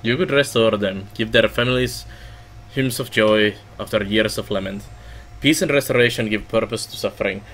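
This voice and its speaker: A middle-aged man doing a let's play, reading game text aloud haltingly with casual commentary. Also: fairly low pitch, fairly bright tone, a little hiss or hum. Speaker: gaming let's player.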